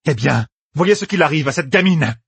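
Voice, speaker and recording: A shrill, imperious ruler woman, as a male narrator puts her on, lifting her husky voice high and loud in fury. She snaps and shouts with haughty contempt. The reading is dry and close. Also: animated, brisk, no room sound, heavily acted. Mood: enraged. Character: furious tyrannical older woman, imperious ruler.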